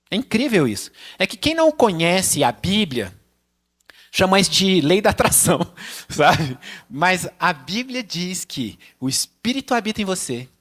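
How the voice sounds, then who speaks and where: Male pastor, Brazilian accent, higher-pitched, casual sermon delivery with acted-out quotes. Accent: Brazilian Portuguese. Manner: conversational, acts out dialogue in varied voices.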